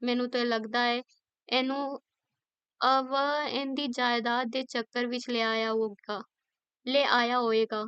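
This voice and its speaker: A sharp-tongued village housewife, as a woman narrator plays her, scolding and full of suspicion. Her voice stays clear and level in a storybook reading. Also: a little high, flat delivery, slow, dry recording, highs cut off. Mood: suspicious.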